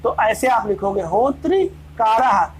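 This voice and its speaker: A woman teaches an exam-prep grammar lesson in a fairly high voice. She keeps calling her students friends, asks them rhetorical questions and then answers them herself. A faint hum sits under the recording. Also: sing-song, takes it slowly, low-quality recording.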